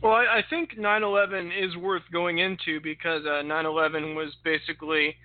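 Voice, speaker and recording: A man explains things steadily and a little wryly in a casual political chat. His voice is somewhat high. The recording is dry and narrow, like a phone line. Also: little pitch movement, normal speed, dry recording.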